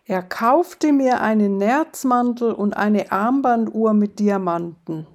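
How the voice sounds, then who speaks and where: A woman's voice: mid-range voice, slow pace, a little mellow, close to an everyday voice. A woman voicing a bragging wife showing off over morning coffee with friends. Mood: boastful.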